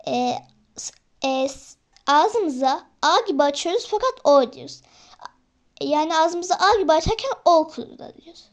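A young woman with a high-pitched voice hosts a casual learning vlog. She talks to her viewers as friends, pausing on fillers as she works through each point. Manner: chatty, often addresses viewers as friends, hesitant fillers. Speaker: vlogger teaching herself Korean.

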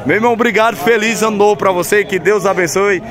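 A chatty man with a Northeastern Brazilian accent, speaking in a fairly high voice while he walks through an open-air cattle market. He keeps up an upbeat, friendly patter with sellers and viewers. A loud, busy crowd murmurs all around him. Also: fairly even intonation, fast. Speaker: vlogger touring a cattle market. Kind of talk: casual walk-around vlog with interviews. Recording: loud crowd noise outdoors.

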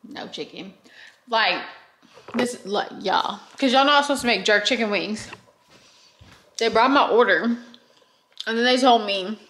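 Chatty woman vlogging, bright echoey sound. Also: mid-range voice, a little hiss or hum. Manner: chatty, laughing, slangy and dramatic. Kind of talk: casual vlog chat. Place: at home, indoors.

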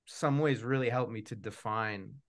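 A middle-aged puppeteer, author and host leads an online event casually over a video call from his home. He speaks at normal speed in a lowish voice.

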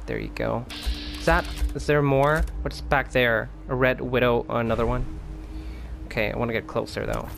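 A man's voice: mid-range voice, steady tone, normal speed, gravelly, a bit bright. A man casually commenting on his video game play, chatty and swearing freely. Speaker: let's play gamer. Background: game music.

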